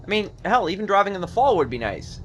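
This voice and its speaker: A man's voice: sits high, sing-song, fast, slight background noise. A man casually commentating his own gameplay in a jokey, punning, chatty way. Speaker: gaming video host. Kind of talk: casual let's play commentary.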